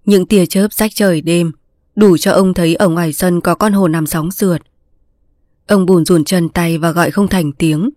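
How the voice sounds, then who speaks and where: A woman reads a story aloud in a steady, measured way. Her voice sits low. The sound is dry and close, with no room around it. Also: no echo. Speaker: narrator. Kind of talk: scripted story narration.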